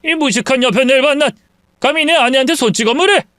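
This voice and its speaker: A man voicing an arrogant middle-aged father-in-law who yells and blusters. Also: extremely high pitch, fast talker, no echo, clean studio sound, pitched above the performer's own voice. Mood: enraged. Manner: blustering, yelling.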